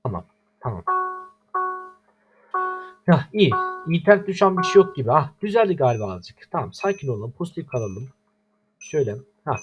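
A young man from Turkey with a Turkish accent, commenting over his own game and complaining in exasperation. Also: medium pitch. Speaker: gaming YouTuber. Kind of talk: gameplay commentary.

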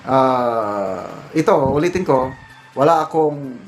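A man's voice: medium pitch, lively intonation, takes it slowly, a little hiss or hum, poor audio. A man with a Filipino accent giving casual, opinionated political commentary and mixing English phrases into his talk.

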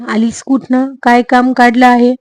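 A timid young palace maid questions a stranger and pleads politely, voiced by a woman reading a tale. Her fairly high voice sounds dry and close. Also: flat delivery, a little slow, a little mellow, no echo, close to an everyday voice. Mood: questioning.

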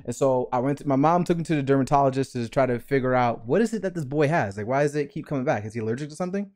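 A young man telling a personal story to camera in a casual, animated way, acting out the scenes and filling his speech with fillers. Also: medium pitch, very fast. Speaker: vlogger.

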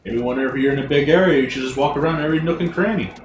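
A man's voice: mid-range voice, racing, slight background noise. Teasing male streamer in an echoey room. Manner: playful, teasing, with running gags. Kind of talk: casual gameplay banter. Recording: roomy echo with faint game sound.

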